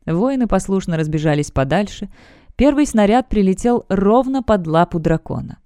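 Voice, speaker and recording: A woman narrating a fantasy novel as an audiobook in an even storytelling delivery. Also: medium pitch, normal speed, smooth, no echo, studio quality. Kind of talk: scripted narration.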